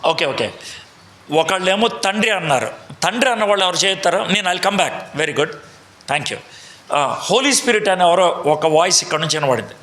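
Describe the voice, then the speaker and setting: A man's voice: sits high, animated, moderate pace, bright, forceful tone, echoey room. A man teaching a Bible lesson to a meeting, quizzing the audience and mixing in English phrases. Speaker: preacher. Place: large meeting hall.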